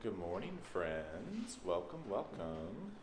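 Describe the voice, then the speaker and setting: A Texas minister gives a folksy, conversational welcome to his congregation in a large indoor church sanctuary. His deep voice swoops wildly in pitch, and he takes his time. The recording is echoey, with background noise.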